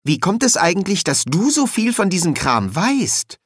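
A man's voice: high-pitched, sing-song, normal speed, husky, dry recording, clean studio sound, pitched above the performer's own voice, full character voice. A man voicing an anxious but spirited young actress in a lifted, tense voice.

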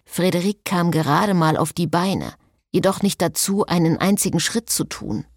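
A woman reading an audiobook in scripted narration with a lively, wry manner. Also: on the low side, normal speed, no room sound, clean studio sound.

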